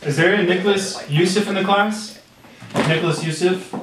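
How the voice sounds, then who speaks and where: A man's voice: high voice, fairly even intonation, moderate pace, noisy background, lightly acted. A man playing a strict, sarcastic teacher taking attendance in an amateur comedy skit. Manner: dry, sarcastic remarks. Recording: roomy echo, distant mic.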